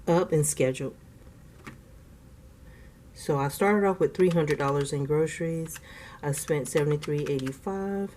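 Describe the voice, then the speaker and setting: A woman with a low, dark voice hosts a casual budgeting vlog from home, with slight background noise in the recording. She's a bit congested from asthma and clears her throat, but stays chatty and laughs often while counting cash aloud.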